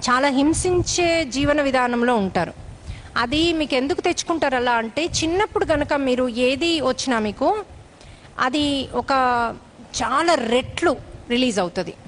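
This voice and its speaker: A woman's voice: high-pitched, slight background noise. A woman spiritual teacher giving a satsang talk to a group, telling stories from her own life and acting out the dialogue. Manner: conversational storytelling with quoted dialogue. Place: retreat gathering hall.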